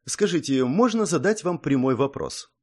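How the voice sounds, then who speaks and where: A flustered, possessive young princess, put on by a male reader, her voice lifted higher than his own. She pleads and insists in a lively, eager tone. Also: moderate pace. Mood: earnest. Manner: raised pitch, pleading and eager.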